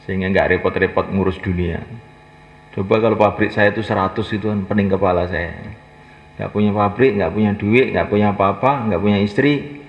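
A man's voice: on the low side, steady tone, brisk. A man preaching a folksy, humorous sermon, acting out little dialogues and urging listeners to stand. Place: mosque gathering. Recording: echoey hall, lo-fi, faint noise.

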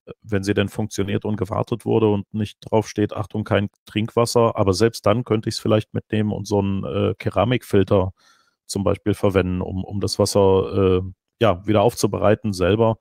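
A middle-aged man on a headset, answering questions at an online conference, animated but full of hesitations and restarts. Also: fairly low pitch, moderate pace, gravelly, no echo, studio quality. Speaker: keynote speaker. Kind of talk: conference Q&A over video call.

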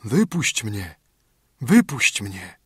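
A man voicing a huge, haughty male spirit with a hollow, dreadful voice, speaking slowly and loudly in an audiobook fairy tale. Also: fairly low pitch, big pitch swings, slightly rough, dry recording, studio quality, exaggerated voice. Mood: pleading. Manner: slow, loud, haughty delivery.

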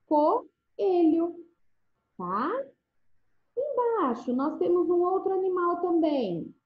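A woman's voice: very high-pitched, very animated, slow. A woman teacher leading a remote lesson for first graders in a coaxing, sing-song manner, often checking that the children follow. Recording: echoey room, dull lo-fi sound.

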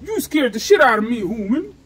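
A woman's voice: a little high, sing-song, a little fast, slight background noise. A woman voicing a grumpy, foul-mouthed old tomcat who snaps back at her. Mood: startled cranky. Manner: rude, snapping back.

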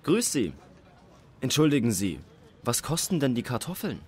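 A man acting a polite shopper at a market in a scripted language-lesson dialogue, speaking slowly and deliberately. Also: medium pitch, very animated, husky. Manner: slow, deliberate learner-friendly delivery.

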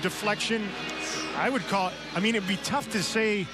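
High-voiced hockey analyst, male. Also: moderate pace, loud music behind the voice. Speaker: color analyst. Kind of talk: live hockey analysis, conversational.

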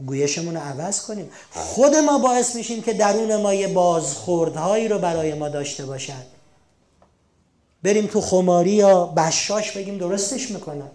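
A man teaching a self-help lesson on a religious TV channel, in a colloquial style, acting out short quoted exchanges and asking rhetorical questions. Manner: lively, acts out little quoted dialogues with big swings in pitch and loudness.

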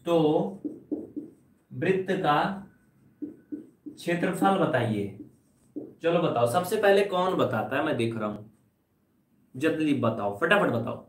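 Hindi maths teacher in an echoey room. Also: male voice, fairly high pitch, distant mic. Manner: teasing, addresses students as children, coaxing answers. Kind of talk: live online maths class. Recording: roomy echo, voice from off the mic.

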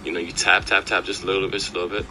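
A man's voice: deep voice, little pitch movement, racing, sharp tone, slight background noise, rough recording. A man giving casual running commentary on a makeup routine in a puzzled, questioning manner. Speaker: guest voice-over commentator. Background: background music.

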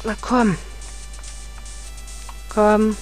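A woman's voice: mid-range voice, level tone, extremely slow. A woman in her thirties talking chattily through a video game, reminiscing and cursing at the game. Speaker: let's player. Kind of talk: casual gameplay commentary. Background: faint game music.

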